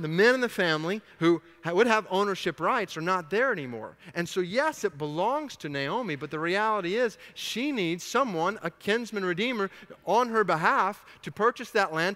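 A man preaching a sermon, animated, swinging from hushed to loud and acting out the dialogue. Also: sits high, big-room sound. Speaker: pastor.

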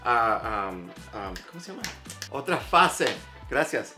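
Excited man in an echoey room. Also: mid-range voice, takes it slowly, faint music behind. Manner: excited, mixes English fillers into Spanish. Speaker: reptile breeder and YouTuber. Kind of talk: casual vlog talk to camera.

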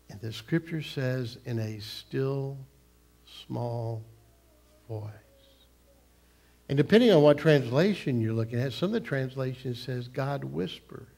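An older man, a pastor preaching a sermon in a church sanctuary, swinging between loud emphasis and hushed, near-whispered lines. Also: mid-range voice. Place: church sanctuary, large room.

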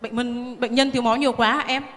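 Woman playing a composed senior doctor, quick, echoey hall. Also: on the high side, flat delivery, a bit bright, close to an everyday voice. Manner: composed, authoritative. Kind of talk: amateur stage drama. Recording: reverberant hall, faint music.

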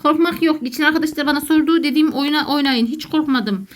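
A woman's voice: high voice, quick pace. A woman doing jokey, panicky let's play commentary as a gaming YouTuber who calls herself a gamer mom.

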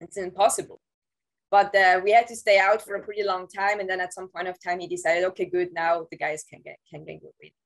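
A former Scientology staff member in her thirties, appearing as an interview guest, talks casually about her past over a video call from a room at home. Her lowish voice stays fairly level in pitch, and she speaks haltingly, restarting often and saying "um" a lot. The audio, picked up by a laptop camera mic, is low quality.

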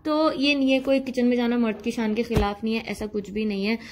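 In a level, slightly fast voice on the high side, a woman from Pakistan chats and teases her way through a phone vlog, laughing often. She moves from her home kitchen to a car at night, with slight background noise.

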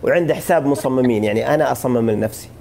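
A man's voice: mid-range voice, rapid-fire, vocal fry, a little mellow. A man in his thirties with a Gulf Arabic accent, chatting casually as a co-host on a group live stream. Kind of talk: casual chat. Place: indoor sitting room. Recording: faint background noise, live-stream call audio.

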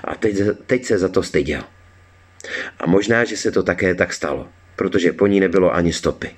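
A man narrating a children's storybook in a calm, measured reading. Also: low-pitched, husky. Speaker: audiobook reader.

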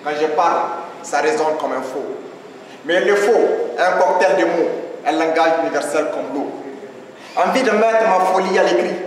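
A man's voice: on the high side, slight background noise. A young man from Niger with a Nigerien French accent, performing slam poetry in a rhythmic, declamatory cadence on stage. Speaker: slam poet. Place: stage at an evening show. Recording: echoey hall from far off.

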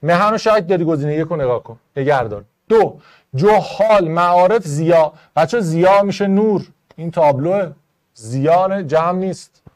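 Brisk male Arabic teacher lecturing. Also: a little high. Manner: brisk, explaining step by step to students. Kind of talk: online class lecture.

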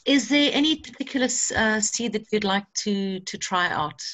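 A woman's voice: mid-range voice, lively intonation, normal speed, fairly bright tone. A woman leading an online workshop, encouraging and practical in tone. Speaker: workshop facilitator. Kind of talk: guiding an online seed-saving workshop.

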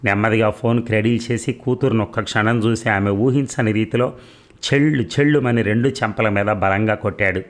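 Male narrator for a read-aloud novel, steady storytelling, low-pitched. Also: fairly quick. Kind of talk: reading a serial novel aloud.

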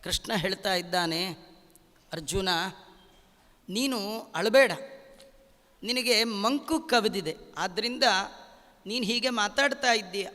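A man giving a slow, emphatic devotional discourse on scripture, asking rhetorical questions as he teaches. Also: high-pitched, sharp tone. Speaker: religious teacher. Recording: long hall reverb.

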